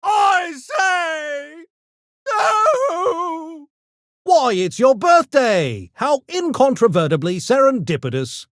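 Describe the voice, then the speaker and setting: A pint-sized gremlin intellectual for a video game. The voice swings dramatically up and down and takes its time over every fancy word. It is smug, pompous and mischievously menacing, recorded dry and close. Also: male voice, very high-pitched, big pitch swings, takes it slowly, a bit bright, no echo, heavily acted. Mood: excited, theatrical, then smug, urbane. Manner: pompous, wordy, mock-genteel diction. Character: small, erudite, smug male gremlin genius with mischievous menace. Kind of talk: video game character voice lines.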